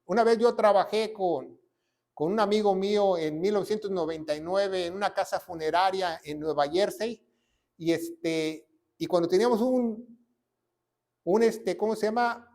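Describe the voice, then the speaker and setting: A man preaching a sermon as pastor, punctuating his points with rhetorical questions and sudden loud emphasis. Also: sits high, moderate pace.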